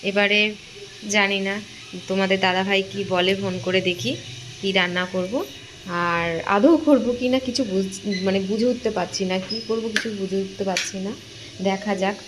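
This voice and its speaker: Home vlogger, young woman, flat gravelly delivery, chatty, phone mic, faint room noise. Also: mid-range voice. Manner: chatty, talking through chores to viewers. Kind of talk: casual vlog narration to viewers. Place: at home, kitchen. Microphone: handheld phone.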